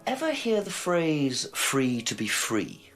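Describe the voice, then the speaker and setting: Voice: mid-range voice, huge pitch swings, takes it slowly, exaggerated voice. An actor playing a polite, inquisitive detective questioning villagers in a video game. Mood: politely probing. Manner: polite, probing. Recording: loud music behind the voice.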